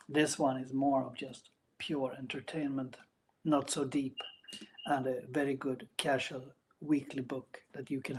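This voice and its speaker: A man chatting casually and unscripted as a vlogger about his hobbies, speaking in a hesitant, halting way with broken phrases. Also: medium pitch, a little mellow, slight background noise, rough recording. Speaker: book and gaming vlogger. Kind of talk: casual unscripted video chat about reading and games.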